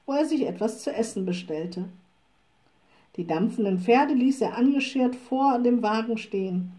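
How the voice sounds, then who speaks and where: Warm-voiced woman reading a story. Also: fairly high pitch. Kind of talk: children's audiobook narration.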